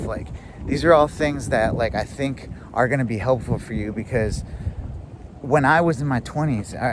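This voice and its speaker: A man in his thirties vlogs casually to the camera about growing up, a reflective self-help monologue that rambles with plenty of fillers. His voice is medium-pitched, with a noisy background.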